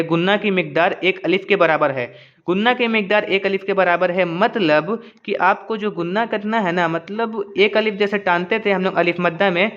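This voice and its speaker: A man teaching Quran reading slowly and patiently, drilling syllables one by one and checking that viewers understood. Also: sits high, fairly bright tone, lo-fi sound. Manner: asks "understood?" often. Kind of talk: slow step-by-step recitation lesson.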